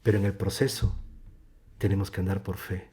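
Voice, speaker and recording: A man preaching a sermon as pastor, swinging from loud, emphatic passages to hushed, low endings. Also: level tone, fairly quick. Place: church.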